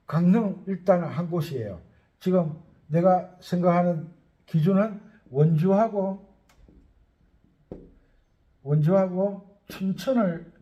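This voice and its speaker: Chatty man, high lively voice. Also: dull audio. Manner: chatty, rambling, thinks aloud while listing places. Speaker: accordion teacher. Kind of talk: casual talk to viewers.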